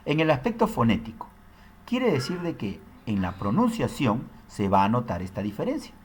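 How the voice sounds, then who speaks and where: Man explaining with lively pitch. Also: moderate pace, slight background noise. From Peru. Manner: explanatory, frequent tag questions. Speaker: teacher. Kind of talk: recorded language lesson.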